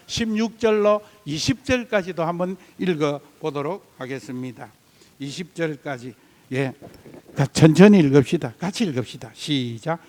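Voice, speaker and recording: A pastor with a Gyeongsang Korean accent, preaching a lively Sunday sermon in a church sanctuary and putting questions to the congregation. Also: male voice, on the high side. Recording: long church hall reverb.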